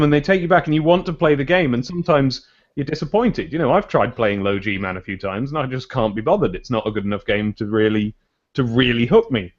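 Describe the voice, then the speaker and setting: A man's voice: medium pitch, lo-fi sound. A man in a casual podcast chat, talking reflectively. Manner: reflective, lively intonation.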